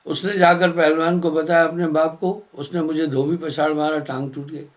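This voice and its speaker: A man giving a sermon as a spiritual teacher, telling moral stories in an unhurried way and chanting verses slowly. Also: a little high, level tone. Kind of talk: sermon with storytelling.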